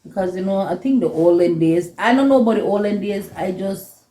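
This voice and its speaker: A woman in her forties with a Belizean Kriol accent, chatting casually and haltingly, often repeating herself. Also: medium pitch, warm tone. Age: 40s. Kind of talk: casual sisterly chat. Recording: echoey room.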